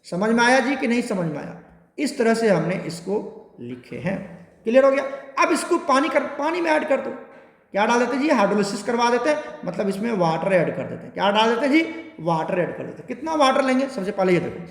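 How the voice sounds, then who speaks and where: A male teacher explains chemistry in a classroom lecture, with a very high voice. He coaxes his students, asking over and over whether they have understood. The sound is roomy, with a long reverb behind him. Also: big pitch swings, fairly quick. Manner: coaxing, keeps asking students if it is clear. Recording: echoey room with long reverb.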